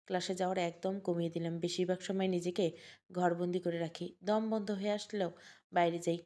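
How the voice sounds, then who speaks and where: A woman narrating a first-person audio story in a calm, measured way. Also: on the low side.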